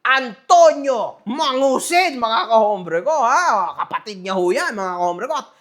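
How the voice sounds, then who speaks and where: A man hosting a gossip commentary vlog, mocking and animated, swearing and calling out to his viewers. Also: extremely high pitch, unhurried. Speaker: online commentary host.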